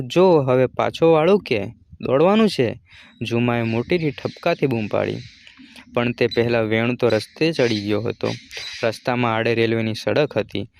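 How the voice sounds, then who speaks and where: A man's voice: medium pitch, slight background noise. Man reading a story aloud steadily.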